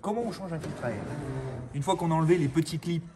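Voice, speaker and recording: A man explaining a car part swap in a relaxed, joking and crude way, recorded in a garage. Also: fairly high pitch, fast. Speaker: amateur mechanic co-host. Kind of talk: casual how-to commentary. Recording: loud noise in the garage.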